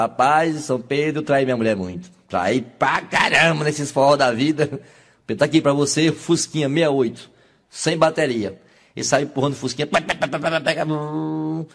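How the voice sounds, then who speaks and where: A man telling a string of jokes, animated and jumping into high shouted voices for the characters. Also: breathy edge. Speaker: comedian.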